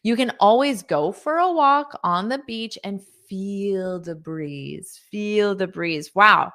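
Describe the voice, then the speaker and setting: A woman's voice: mid-range voice, animated, slow pace, bright, forceful tone. A woman teaching English in a live online lesson, reading out viewer comments, repeating words patiently and praising students.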